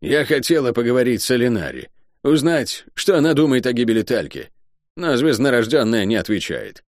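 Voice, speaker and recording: A man's voice: mid-range voice, sing-song, fairly quick, dry recording, clean studio sound, pitched above the performer's own voice, lightly acted. A man voicing a scornful, menacing cursed sorceress in an audiobook. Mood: mocking. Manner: mocking, sinister.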